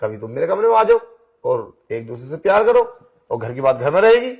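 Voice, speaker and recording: A man's voice: medium pitch, big pitch swings, a little fast, darkish tone. A man voicing a pushy blind young man in an audio drama, coaxing and insistent in his talk. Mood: wheedling. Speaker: voice actor. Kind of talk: Hindi audio drama acting.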